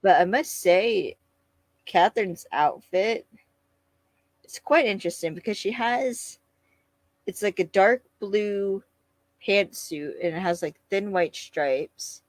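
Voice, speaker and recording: A woman's voice: medium pitch, takes it slowly, long pauses, dry recording. A woman co-hosting a casual podcast, retelling a TV episode and acting out characters' lines. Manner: retells scenes, acts out lines. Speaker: podcast co-host. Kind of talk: casual episode recap chat.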